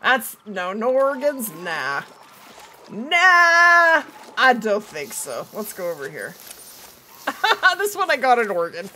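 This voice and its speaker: She speaks slowly in a fairly high, bright, forceful voice with big pitch swings and slight background noise. A woman in her thirties streaming a game from an indoor setup, she chats casually with viewers and the game, her voice strained and fading from a cold.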